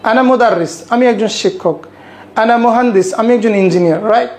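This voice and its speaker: A woman with a fairly high, bright voice leads a language lesson. She speaks patiently, says each phrase slowly and repeats it. She keeps checking that her listeners follow along. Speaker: Arabic language teacher.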